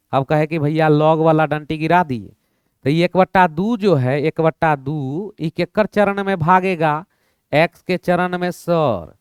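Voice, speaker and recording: A playful male maths teacher, walking through problems and acting out the students' replies himself. His voice is smooth and resonant, sitting a bit high for a man, and it sounds close and dry with no room echo. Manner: playful, acts out both sides of a dialogue. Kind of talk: lively classroom lesson.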